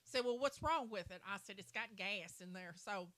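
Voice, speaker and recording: A woman's voice: mid-range voice, normal speed, fairly bright tone. A woman telling a long, rambling personal story on a livestream, circling back with "so anyway.". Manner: rambling, repeats "so anyway" and "and everything". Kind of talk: casual storytelling.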